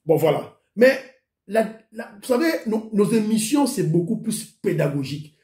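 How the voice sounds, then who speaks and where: A man's voice: sits high, big pitch swings, moderate pace, warm tone, echoey room. A man with a Congolese accent hosting his own online show, chatting casually and greeting his viewers one by one by name. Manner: greets commenters by name, mixes in Lingala. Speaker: YouTube show host.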